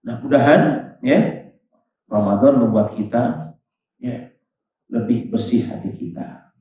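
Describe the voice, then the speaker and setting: Indonesian preacher echoing through a mosque. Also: male voice, medium pitch, slow pace, mellow, lo-fi sound. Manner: conversational, asks the congregation directly; acts out quoted voices in the story. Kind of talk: Ramadan evening mosque sermon. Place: mosque prayer hall. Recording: very echoey mosque hall, distant mic.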